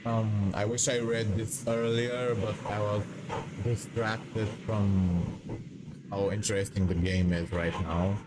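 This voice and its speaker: A man chats casually on a live game stream, drifting from thought to thought with a hesitant, rambling delivery. His voice sits a bit low and moves slowly. A clear air conditioner hum runs beneath him. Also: little pitch movement. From Bulgaria. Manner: hesitant and rambling, reading chat aloud. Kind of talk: casual live-stream chat while gaming.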